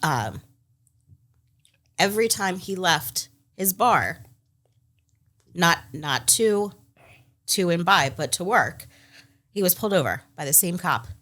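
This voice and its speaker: A woman's voice: on the low side, animated, takes it slowly, long pauses, a bit bright. A woman who manages a restaurant, talking as a guest in a casual chat, blunt and direct. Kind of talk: casual talk show chat.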